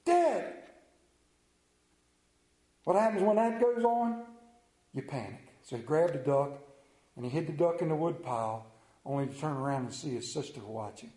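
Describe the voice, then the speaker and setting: Here a man from Central Maryland, United States, delivers a storytelling sermon in his local accent, folksy and full of personal asides. His voice is fairly high, expressive and dark-toned, at normal speed with frequent pauses, in a reverberant space.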